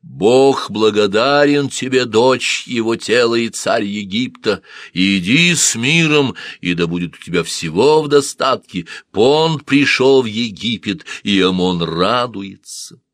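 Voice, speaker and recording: A man's voice: on the low side, lively intonation, fairly bright tone, dry recording, clean studio sound, voice pushed up. A man intoning a solemn temple oracle. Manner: slow, solemn pronouncement.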